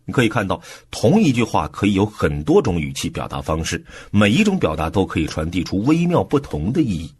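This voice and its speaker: A man narrating a book summary for an audiobook in a relaxed, explanatory way, with soft filler particles. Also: sits low, brisk, few pauses, husky.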